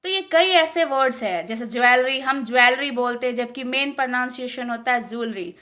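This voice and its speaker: A woman with an Indian accent teaching English pronunciation, repeating each word slowly several times. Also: high voice, pushed and bright. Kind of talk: casual spoken lesson.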